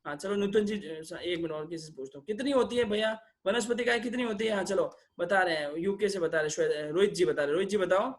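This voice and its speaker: A man teaching an interactive online religious lesson over a video call, quizzing participants in a brisk, coaxing way and mixing in English phrases. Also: high-pitched.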